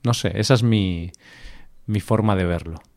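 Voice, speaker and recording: A man's voice: on the low side, moderate pace. A man from co-hosting a casual chat podcast, musing aloud about how Spaniards say English words, with easy fillers. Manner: relaxed, thinks aloud with fillers. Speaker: podcast co-host.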